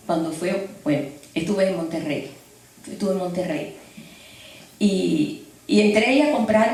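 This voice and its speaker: A woman preaching a sermon, telling stories in an animated way and laughing as she speaks. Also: medium pitch. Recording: echoey hall from far off.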